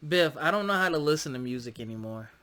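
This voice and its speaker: A man's voice: on the high side, expressive, fast, a bit bright. A man hosting a podcast in casual chat, laid-back and slangy with a teasing streak. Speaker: podcast host.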